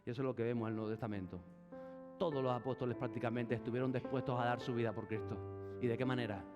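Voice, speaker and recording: A man preaching a sermon as pastor into a microphone, swinging between hushed low lines and loud calls to the congregation. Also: steady tone, racing, dull audio, over music. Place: large church hall. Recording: long church hall reverb.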